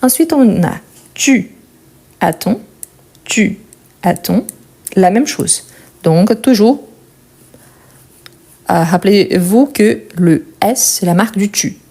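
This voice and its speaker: Mellow-voiced woman teaching French. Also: mid-range voice, expressive. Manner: repeats each verb form slowly and clearly; checks in with "ok?" and "bien". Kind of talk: explaining conjugation.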